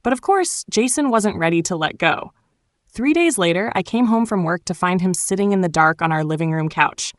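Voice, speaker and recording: A woman narrating a dramatic first-person storytime tale in a cool, wry, sharp-tongued way. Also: lowish voice, animated, moderate pace, dry recording.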